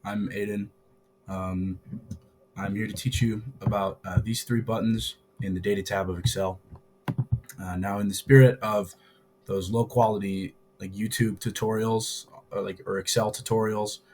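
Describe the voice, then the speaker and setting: A man with a sore throat that sounds thick and swollen gives a casual, hesitant software tutorial into a laptop microphone. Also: level tone, normal speed, a little hiss or hum. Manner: hesitant, informal. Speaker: tutorial presenter. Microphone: laptop's built-in microphone. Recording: low-quality laptop mic, music behind.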